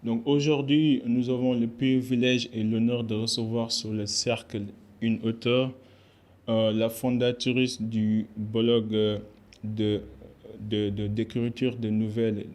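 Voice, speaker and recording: A man hosts a podcast, speaking in a friendly, upbeat tone. His voice has a middle pitch, and he often stops to search for his words. He asks his guest questions in a relaxed, chatty way. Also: slow pace. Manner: friendly and upbeat, with hesitations and laughs. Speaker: podcast host. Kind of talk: podcast interview.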